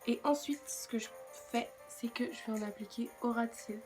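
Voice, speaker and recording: A woman's voice: on the high side, a little fast, music in the background. A woman with a French accent chatting casually through a makeup tutorial, with self-mocking asides. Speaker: beauty vlogger.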